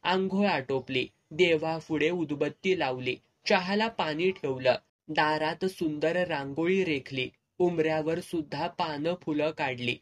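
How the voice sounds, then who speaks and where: A storyteller reading a serialized novel aloud in an unhurried way. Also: medium pitch.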